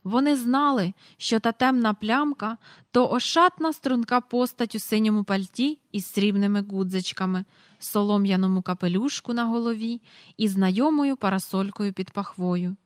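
Calm woman reading a storybook, dry sound. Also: mid-range voice, normal speed, dry recording. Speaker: audiobook reader. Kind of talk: storybook narration.

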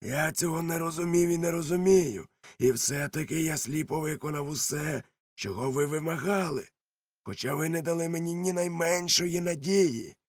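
A man voicing a sly grown pirate cook with a high, strained pleading voice, in a storybook reading. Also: normal speed, dry recording, clean studio sound, natural voice. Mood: agitated.

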